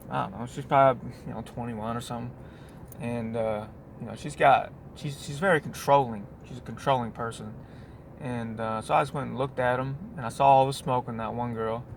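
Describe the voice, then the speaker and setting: A man in a plain mid-pitched voice rambles through a casual monologue from a parked spot on his work break, circling back on himself and tossing in asides. Faint noise hums underneath. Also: steady tone, normal speed, gravelly. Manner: meandering, full of restarts and "you know what I mean". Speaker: vlogger.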